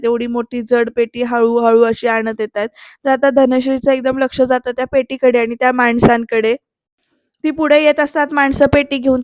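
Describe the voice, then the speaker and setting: High-voiced chatty woman recapping a show. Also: no echo. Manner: chatty, addresses viewers directly. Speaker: serial review narrator. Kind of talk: casual voice-over recap.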